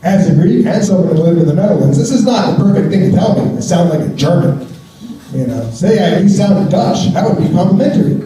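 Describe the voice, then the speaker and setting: Speaking a little fast and animated, an American man with a high-pitched, mellow voice works a live stand-up crowd. He's wry and conversational and chuckles at his own material, recorded from a distance in an echoey theater.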